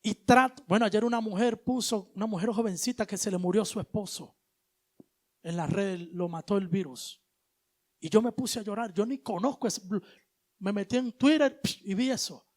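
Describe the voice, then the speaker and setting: A male preacher giving an animated sermon, moving between loud exhortation and hushed asides, with casual slang. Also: high-pitched, normal speed. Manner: colloquial, uses street slang.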